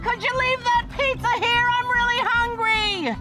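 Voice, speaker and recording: A goofy high-pitched coach. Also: male voice, fairly even intonation, a little slow. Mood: pleading. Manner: goofy, exaggerated, wheedling. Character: goofy, hungry, sneaky male pool coach. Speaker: kids' show character. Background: music.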